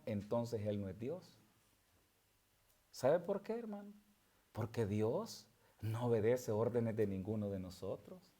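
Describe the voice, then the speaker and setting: A man preaching a sermon and leading prayer, questioning his congregation directly and swinging between emphatic and soft. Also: mid-range voice. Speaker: pastor. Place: church.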